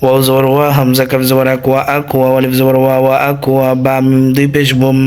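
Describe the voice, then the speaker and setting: A man's voice: mid-range voice, monotone, fast talker, darkish tone, clean tone. A man teaching Quran reading who spells out the Arabic letters and vowel marks one syllable at a time, patiently repeating each sound.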